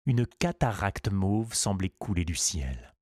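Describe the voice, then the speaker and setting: A man reading a children's storybook aloud in a calm, measured and gently expressive way. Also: low-pitched, no echo, studio quality. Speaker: audiobook narrator. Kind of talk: scripted storybook narration.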